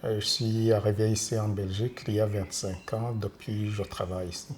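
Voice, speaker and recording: A man's voice: fairly low pitch, little pitch movement, fairly quick, a little mellow, slight background noise. A man of Rwandan origin giving a hesitant testimony in an interview, with many fillers.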